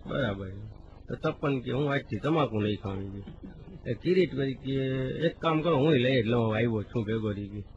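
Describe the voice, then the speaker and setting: A man telling comic stories on stage, acting out the dialogue in quoted voices and slowing down to recite verse. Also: mid-range voice, animated, a little mellow. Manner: recites verse slowly with drawn-out emphasis. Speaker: stand-up comedian. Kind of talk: live comic storytelling in a regional dialect. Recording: dull lo-fi live recording with faint hiss.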